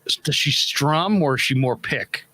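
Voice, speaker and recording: A man's voice: mid-range voice, expressive, moderate pace, bright, forceful tone, dry recording. A middle-aged man hosting a casual chat over a video call, wisecracking and reading chat comments aloud. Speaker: host.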